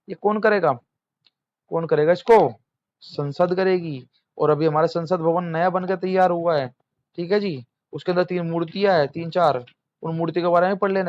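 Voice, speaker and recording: A man's voice: high voice, no room sound, dull audio. A young man teaching exam material in a casual lecture, chatty, quizzing students and answering himself.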